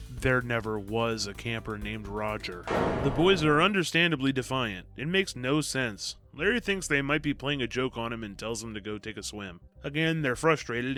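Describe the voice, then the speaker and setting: A man's voice: medium pitch, sharp tone. A man narrating a book summary in a scripted, wry and jokey storytelling manner. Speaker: video host summarizing books. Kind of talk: scripted narration with sarcastic asides.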